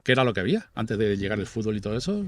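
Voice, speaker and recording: A man's voice: fairly low pitch, sing-song, racing. A man with a Canarian Spanish accent, a podcast guest in casual conversation who recounts anecdotes and memories of local people. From Canary Islands.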